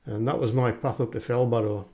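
Fairly quick and mellow, his mid-range voice stays steady as he talks through his fell walk outdoors, casually pointing out the views. This hiker's vlog narration is recorded on a windy camera mic with no room sound and faint outdoor noise.

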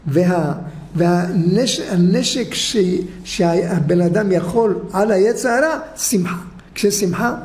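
A man's voice: sits high, a little mellow, roomy sound. A man, a rabbi, giving an emphatic storytelling sermon in a synagogue, full of rhetorical questions.

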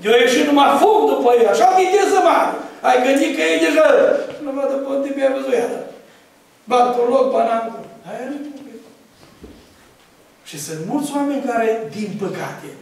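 High-voiced preacher in an echoey hall. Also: male voice, animated. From Romania. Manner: emphatic, swings between loud and hushed. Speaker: pastor. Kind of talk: evangelistic sermon. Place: large church hall. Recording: echoey church hall from far off.

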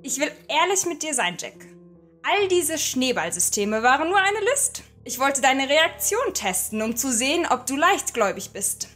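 Storybook reading: a shifty crow with a high, bouncing voice, put on by a woman, hushed and scheming. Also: very animated, moderate pace, faint music behind. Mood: conspiratorial. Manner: hushed, conspiratorial whisper. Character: scheming talking crow, sly and foul-mouthed. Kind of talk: audio horror story reading.

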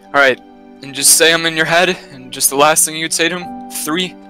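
A man with a fairly high voice calls out firm commands to an assembled group, leading them through a memorial salute and a countdown. Clear music plays behind him. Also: fairly even intonation, brisk, pushed and bright. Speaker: in-game unit commander.

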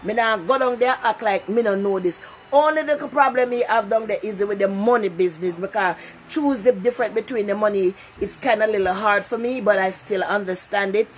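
An older Jamaican woman hosts a casual live-stream talk show from her living room, chatting animatedly with viewers and repeating herself for emphasis. Her medium-pitched voice is fairly quick, captured close up on a phone camera with slight background noise.

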